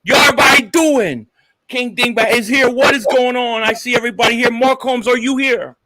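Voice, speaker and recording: A man's voice: very high-pitched, steady tone, a little fast, very noisy. A man hosting a casual live stream, playful and teasing, bragging as he jokes with his guest. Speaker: stream host. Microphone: home streaming mic.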